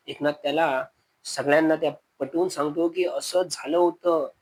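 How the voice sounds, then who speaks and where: Husky male horror storyteller. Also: a little high, steady tone, normal speed, darkish tone, poor audio. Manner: addresses listeners as friends, repeats words for suspense. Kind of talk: spoken horror story narration.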